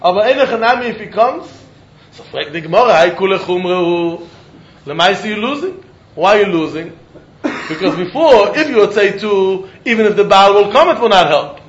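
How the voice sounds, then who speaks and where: A religious teacher with a Yiddish accent gives a Talmud lesson, mixing English with Yiddish and Hebrew in a notably high, expressive voice at a moderate pace. He argues in question-and-answer form, repeating phrases to press each point, and the recording is dull and muffled with clear room echo.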